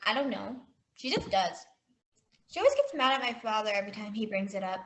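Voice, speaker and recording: A woman's voice: medium pitch, very animated, fairly quick, rough recording. A woman playing a nervous young girlfriend. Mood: bossy. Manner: nervous, fretful, over-explaining. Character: anxious young woman introducing her boyfriend. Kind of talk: amateur comedy sketch acting.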